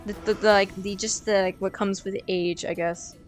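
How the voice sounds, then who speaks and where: A woman's voice: mid-range voice, fairly even intonation, normal speed, soft background music. A woman co-hosting a casual review chat, retelling scenes and searching for words. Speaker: podcast co-host.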